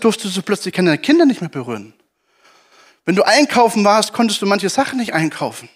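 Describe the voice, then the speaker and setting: A man preaching a sermon, telling a Bible story with animated delivery and acting out shouts and pleas from the characters. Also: high-pitched.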